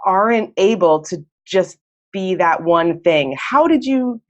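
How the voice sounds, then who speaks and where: A woman's voice: lowish voice, lively intonation, takes it slowly. A woman hosting a podcast interview, asking questions enthusiastically. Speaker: podcast host, coach.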